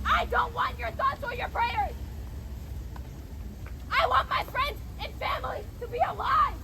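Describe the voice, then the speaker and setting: A woman's voice: very high voice, a little slow, gravelly. A young woman from Palestine giving an impassioned, pleading rally speech outdoors. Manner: emphatic, pleading, building to shouts. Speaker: student speaker at a rally. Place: outdoor campus plaza. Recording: outdoor rally with crowd noise. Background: crowd.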